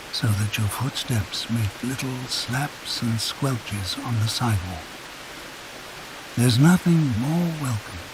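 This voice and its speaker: A man narrating a guided sleep meditation in a soft, calm, unhurried storytelling voice. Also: mid-range voice. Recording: hissy recording with rain sounds behind. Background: rain.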